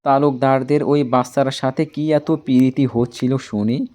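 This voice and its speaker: A man voicing a possessive, domineering young army captain who speaks slowly and sternly, stressing each word. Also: mid-range voice, steady tone, darkish tone, lightly acted. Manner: slow, stern, emphatic.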